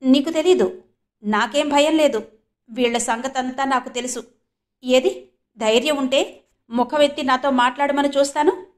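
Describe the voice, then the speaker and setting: A scornful, sharp-tongued young woman, as a storyteller puts her on spits out her taunts in a bright, high register. Every line comes out louder and higher than the plain narration around it. It reads as a storybook character acted with open contempt. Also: normal speed, pauses often, lightly acted. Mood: mocking. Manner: mocking, scornful.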